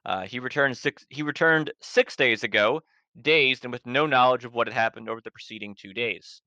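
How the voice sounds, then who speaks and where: A man's voice: mid-range voice, brisk, pushed and bright, no room sound. Brief: man as a no-nonsense male agent in a tabletop horror game, plain lo-fi audio. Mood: grave.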